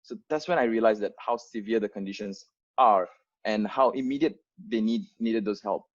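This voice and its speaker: Speaking at a moderate pace in a lowish voice, a young man from Bangladesh in his twenties earnestly explains how his organisation began during an unscripted onboarding talk for volunteers. The video call audio is lo-fi, and he uses lots of fillers and restarts.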